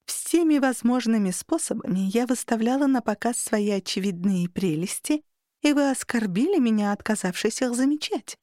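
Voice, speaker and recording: A woman voicing a seductive, imperious sorceress, speaking in a slow, coaxing way. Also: on the high side, animated, dark tone, no echo, studio quality, lightly acted. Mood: languid. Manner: slow, coaxing delivery, sometimes whispered.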